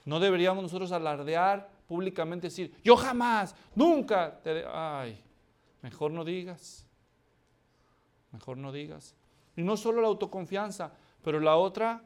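A man's voice: sits high, a little mellow, smooth. A male pastor delivering a dramatic sermon, acting out scripture and firing rhetorical questions at the congregation.

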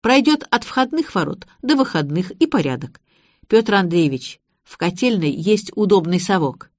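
A wry, calm professor explains things drily in an audiobook scene, voiced by a woman narrator. His tone is level and ironic. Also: medium pitch, moderate pace, no echo, studio quality, lightly acted. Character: dry ironic man, a professor.

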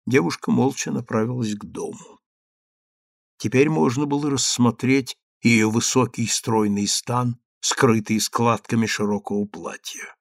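A man narrating a dramatic story in a steady, measured storybook reading. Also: mid-range voice, creaky, no room sound, clean studio sound. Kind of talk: audiobook narration.

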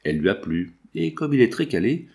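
A man's voice: mid-range voice, sing-song, a little fast, vocal fry, a little mellow. A man reading aloud, putting on the voice of a bold, cheeky red-haired young showgirl who scolds and teases. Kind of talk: audiobook reading.

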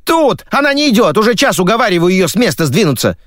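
A man's voice: medium pitch, animated, slightly rough, no room sound, clean studio sound, voice pushed up. A man voicing a frantic young film-crew man who hurries and bosses people around. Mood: shouting back. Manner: hurried, pushy, nervous.

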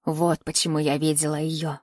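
A woman reading an audiobook and voicing an old, half-mad grandmother who sees spirits, speaking lower and slower in a hushed tone. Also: little pitch movement, no echo, clean studio sound. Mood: eerie, cryptic. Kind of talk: audiobook character voice.

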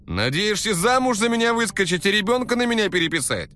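A man reading a story aloud, voicing a cocky young man who poses as a creepy maniac and talks in quiet, menacing, whispery tones with sinister chuckles. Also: a bass voice, slow, soft background music, voice pushed down, heavily acted. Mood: scolding.

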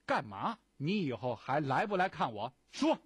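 A man shouting as a furious male prisoner. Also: on the high side, sing-song, normal speed, breathy edge, dry recording, full character voice. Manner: shouting, menacing demands.

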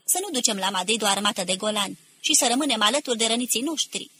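A woman reading aloud, voicing a male militia commander who shouts slow, forceful orders to exhausted troops. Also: a little high, husky. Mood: rousing, commanding.

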